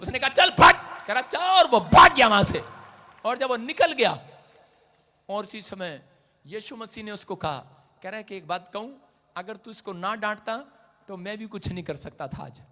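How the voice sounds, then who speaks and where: High-voiced man preaching a fiery sermon. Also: normal speed, pauses often. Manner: swings between shouted exhortation and quiet storytelling. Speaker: pastor.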